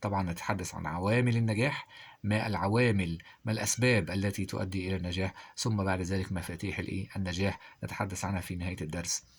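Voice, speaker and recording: A man's voice: deep voice, steady tone, racing, slightly rough. A man teaching grammar to pupils, asking rhetorical questions and answering them himself.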